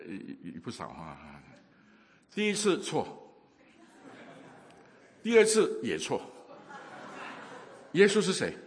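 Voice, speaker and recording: A man preaching a sermon, telling a story with lively acted-out voices and many hesitations. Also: medium pitch, in a large hall.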